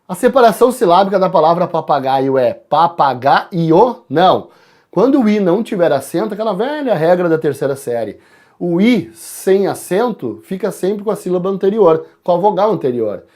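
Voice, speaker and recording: A man's voice: sits high, normal speed. A man from Brazil, a teacher walking students through exam answers, calling out letters and addressing the class. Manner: lively, addresses students directly, spells out letters.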